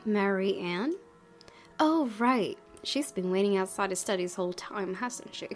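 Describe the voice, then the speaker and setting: With game music playing beneath her, a woman hosting a let's play reads visual novel text aloud and drops in casual comments. Her voice is mid-range and unhurried.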